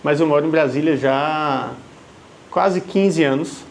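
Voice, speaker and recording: A man from Salvador, Bahia, Brazil, who works as a live wedding painter, answers viewer questions to camera in a friendly, reassuring way, often checking in with the viewer. His voice is fairly high and a little slow, with slight background noise.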